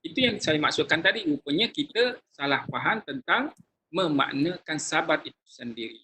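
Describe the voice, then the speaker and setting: A male religious teacher giving a lecture to a class, lively and acting out sample phrases in changing tones, addressing listeners warmly with frequent religious phrases. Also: fairly high pitch, normal speed, slight background noise, rough recording.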